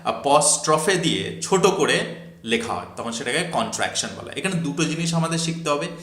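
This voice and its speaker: A man's voice: a little high, expressive, fast talker, a bit bright, echoey room. A man teaching English with a Bengali accent, switching between English and Bengali and drilling pronunciation with repeat-after-me. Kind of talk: recorded English lesson.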